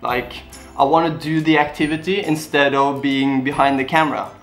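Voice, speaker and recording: Over soft background music, a young man from Norway talks at normal speed in a slightly high, steady, somewhat bright voice. He's a vlogger with a Norwegian accent answering viewers' questions to camera, casual, earnest and rambling, with plain wording.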